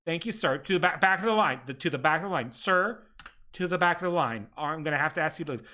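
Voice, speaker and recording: A man's voice: fairly high pitch, expressive, fast, sharp tone. A man voicing a brusque female government desk clerk with officious, bureaucratic politeness. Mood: impatient.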